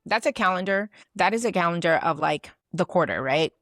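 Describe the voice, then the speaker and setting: A woman with a lowish voice gives a casual business lesson straight to camera. Her talk is loose and chatty, full of "like," and she acts out sample messages as she goes. The sound is close and dry, with no room echo. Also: expressive, fairly quick, a bit bright. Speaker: business coach.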